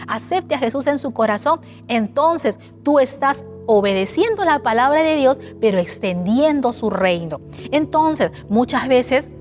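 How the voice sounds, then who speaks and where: A woman preaching a sermon in an animated way, asking the listeners rhetorical questions. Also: a little high. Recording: faint music behind.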